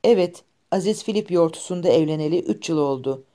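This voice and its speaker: A woman voicing an old male peasant haymaker with friendly, homely chatter in her own soft, low voice. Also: brisk, lightly acted. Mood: fond.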